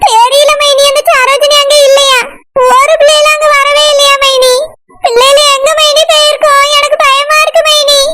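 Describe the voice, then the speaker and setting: A woman's voice: very high-pitched, little pitch movement, normal speed. A woman voicing a frightened young village woman with a Kanyakumari Tamil accent, in a cartoon. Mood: scared. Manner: panicked, pleading. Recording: loud background noise.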